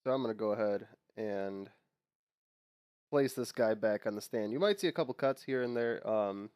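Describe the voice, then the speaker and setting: Speaking at normal speed in a smooth, darkish voice on the low side, a young man hosts his own channel with studio quality and no room sound. He's nasal from a cold. His unboxing and lore chat is casual and rambling, dotted with fillers and restarts.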